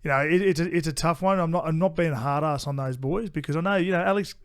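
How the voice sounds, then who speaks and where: A man's voice: fairly high pitch, quick pace, clear, resonant tone. A middle-aged Australian man co-hosting a podcast, chatting casually and bluntly, swearing often and restarting his sentences. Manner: blunt, swears freely, repeats himself. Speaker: podcast co-host. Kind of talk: casual chat.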